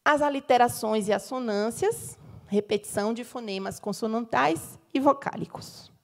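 Giving an academic lecture, a middle-aged Brazilian woman talks at a moderate pace in a fairly high, slightly mellow voice. Her Brazilian Portuguese accent colors a step-by-step explanation full of tag questions and examples she sings.

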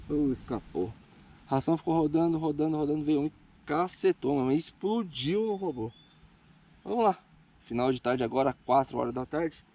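A man in his thirties with a Brazilian Portuguese accent hosting a casual fishing vlog outdoors by a lake, giving chatty play-by-play with bursts of excitement while fighting fish. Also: on the high side, vocal fry, muffled recording. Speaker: fishing show host.

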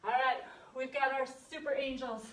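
High-voiced woman aerobics instructor, echoey room. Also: fairly even intonation, moderate pace, fairly bright tone. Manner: encouraging, short commands and counts while exercising. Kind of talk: aerobics instructor leading a workout, counting reps and cueing form. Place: carpeted room at home. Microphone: distant camera microphone across the room. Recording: roomy echo, far from phone camera.

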